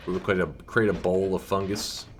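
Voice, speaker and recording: A man streaming live gameplay on a headset mic, thinking out loud and swearing casually. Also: sits low, steady tone, moderate pace.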